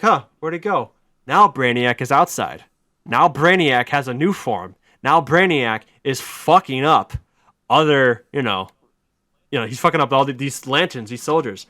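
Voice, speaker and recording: A man hosting a podcast, telling a story in excited casual chat, swearing a lot and rising to near shouts. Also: on the high side. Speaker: podcast host.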